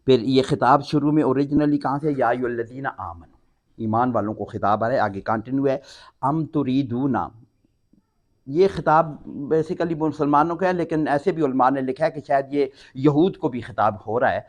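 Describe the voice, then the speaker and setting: An older man from Pakistan teaching a Quran class, reciting Arabic phrases and then explaining each word with patient repetition. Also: mid-range voice.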